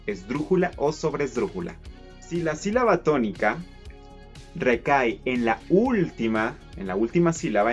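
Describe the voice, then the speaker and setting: Man teaching in a friendly explainer voice. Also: mid-range voice. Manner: friendly, explanatory, stretches words out syllable by syllable. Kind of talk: casual explainer lesson.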